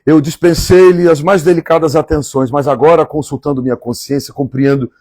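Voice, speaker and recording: A man from Minas Gerais with a Mineiro Brazilian accent, reading a novel aloud on a live stream and pausing for chatty asides. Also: a little high, steady tone, a little mellow, no echo, studio quality. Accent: Mineiro Brazilian Portuguese. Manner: measured, repeats favorite lines and chats between passages.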